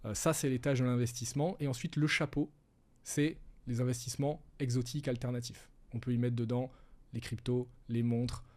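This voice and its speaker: A man with a mellow, relaxed voice talks through ideas patiently, one step at a time. He is a middle-aged guest advisor in a casual interview, steady and explanatory. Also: medium pitch, brisk. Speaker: wealth management advisor, guest.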